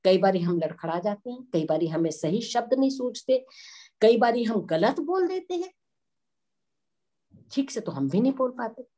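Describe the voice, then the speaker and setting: A woman's voice: on the high side, big pitch swings, normal speed, long pauses, warm tone. A middle-aged woman from India giving an earnest public speech at a women's day event, slipping English phrases into her talk.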